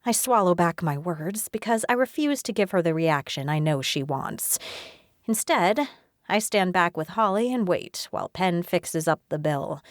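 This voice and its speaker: A woman narrating a romance audiobook in the first person in a steady, even reading voice. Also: on the low side, no room sound, studio quality.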